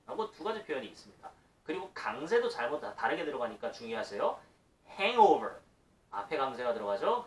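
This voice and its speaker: A man's voice: mid-range voice, reverberant, distant mic, a little hiss or hum. A man with a Korean accent giving a casual video lesson, switching between Korean talk and English example phrases. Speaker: English teacher.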